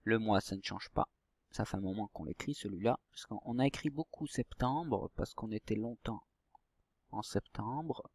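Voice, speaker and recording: Patient schoolteacher, slow and clear. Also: male voice, on the low side, darkish tone, dry recording. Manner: slow, patient, stretches words and syllables. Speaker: primary school teacher. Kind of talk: recorded reading lesson for young children.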